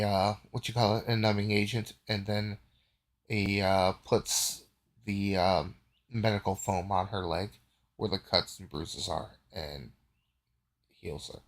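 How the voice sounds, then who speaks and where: A man narrating casually as game master, relaxed, with frequent fillers and easy laughter. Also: lowish voice.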